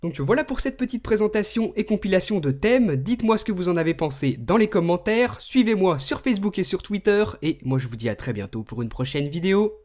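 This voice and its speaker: A man's voice: sits high, sing-song, fairly quick, few pauses, a little mellow. A young man from France presenting phone themes in an enthusiastic voice-over tutorial. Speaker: tech video host.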